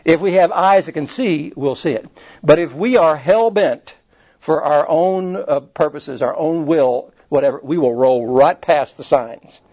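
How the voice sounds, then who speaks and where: Guy preaching a sermon, kinda high voice, rambles and restarts, a bit muffled lo-fi sound. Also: a little slow, darkish tone. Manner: conversational, digressive, with frequent restarts. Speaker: pastor. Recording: slightly dull, lo-fi recording.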